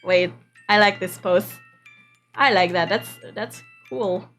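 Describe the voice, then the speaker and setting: A woman streamer reads a visual novel aloud with playful drama, pausing now and then for casual asides. Her medium-pitched voice is a bit bright and slow, with game background music playing behind her.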